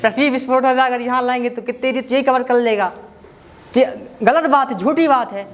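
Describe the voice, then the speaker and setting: A man's voice: very high-pitched, fairly even intonation, a little fast, a bit bright. A man teaching a memory class, reciting long lists by rote and then quizzing his students in a casual, chatty way.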